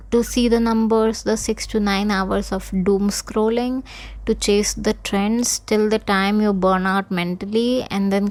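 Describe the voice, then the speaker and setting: A woman's voice: a little high, no room sound. A young woman with an Indian accent, hosting her own show, talking frankly and casually and switching into Hindi mid-sentence. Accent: Indian English. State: out of breath. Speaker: podcast host. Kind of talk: candid casual monologue.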